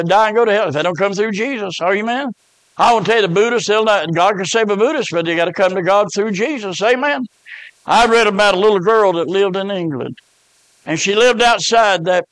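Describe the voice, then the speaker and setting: A fiery male preacher with a high-pitched voice, rising to sudden shouts and dropping to near-whispers as he tells his stories. The sound is dry and close, with little room echo. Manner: fiery, swings from shouts to hushed storytelling. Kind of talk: sermon.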